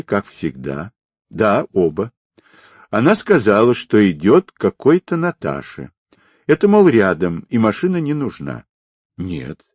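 A man's voice: lowish voice, a little mellow, no echo. A man voicing a tense woman who answers firmly in short, clipped replies.

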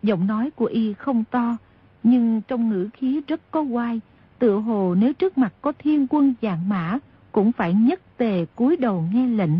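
A woman narrating a novel aloud in steady, expressive storytelling. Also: on the high side, a little slow, breathy edge, dry recording. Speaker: audiobook narrator. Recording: dull lo-fi audio.

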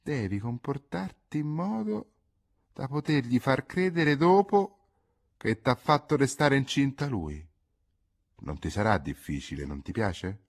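A man voicing a calm, calculating older well-off gentleman in a literary audiobook reading, speaking in a measured, persuasive way. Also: mid-range voice, pitched above the performer's own voice.

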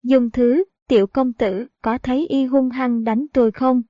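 A woman's voice: high-pitched, steady tone, a little slow, dark tone, no room sound. A woman voicing a mocking old male beggar who is secretly a master fighter, in a sly, scolding way. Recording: dull, dry audiobook recording.

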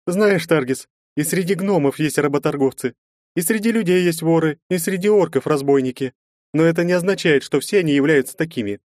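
A man voicing a sharp-tongued young woman student in an audiobook, mocking and lecturing. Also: a little high, brisk, no echo, studio quality, pitched above the performer's own voice, close to an everyday voice. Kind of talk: audiobook narration.

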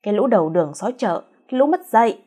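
A woman's voice: mid-range voice, lively intonation, fast, dark tone, slightly rough. A woman voicing a spiteful older mother-in-law who screeches and scolds in a storybook reading. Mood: furious.

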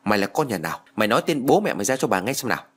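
A man's voice: big pitch swings, husky. A man voicing a foul-mouthed old village woman who scolds and curses. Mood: furious. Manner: shrill, scolding, cursing rapidly.

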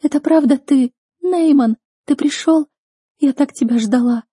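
A woman's voice: high voice, unhurried, dark tone, no room sound, studio quality, pitched above the performer's own voice. A woman voicing a frightened young girl held captive, crying and pleading in a trembling voice. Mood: tearful relief. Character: terrified sobbing young girl prisoner.

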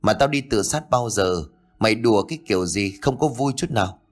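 A rough-tongued old village farmer with a hot temper speaks bluntly, played by a male storyteller. His voice is low and swings widely in pitch, fitting a spoken horror audiobook. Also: lively intonation, a little fast. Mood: bewildered. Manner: blunt and gruff.

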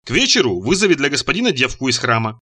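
A man's voice: medium pitch, sing-song, sharp tone, husky, exaggerated voice. A man doing a pompous, stern boss voice. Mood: instructive. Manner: slow, solemn, deliberate pronouncements. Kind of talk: audiobook character voice.

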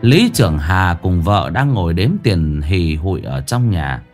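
Low-voiced storyteller. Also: male voice, unhurried. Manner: expressive storytelling, acts out all voices. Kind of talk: ghost story narration. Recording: faint background music.

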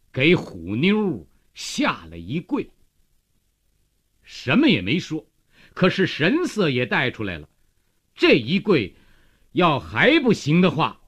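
A man, reading a novel aloud as a radio storyteller, emphatic and dramatic, moving between hushed and loud declamation. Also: medium pitch. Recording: slightly muffled radio broadcast.

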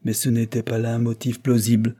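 A man's voice: medium pitch, monotone, brisk, mellow, breathy edge, close to an everyday voice. A man reading an audiobook plays a stern older aristocrat, the count, who lectures and reproaches in a severe tone. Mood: reproachful.

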